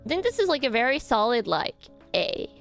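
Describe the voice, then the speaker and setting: A woman's voice: fairly high pitch, very animated, brisk, gravelly. A young woman chatting casually as she ranks game outfits, rambling with lots of fillers and little giggles. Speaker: content creator. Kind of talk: casual ranking commentary. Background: soft background music.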